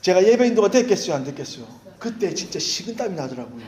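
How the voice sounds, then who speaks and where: Male pastor, high and very expressive delivery, animated anecdotal sermon, roomy church sound. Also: fast talker. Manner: animated storytelling with candid, self-mocking anecdotes.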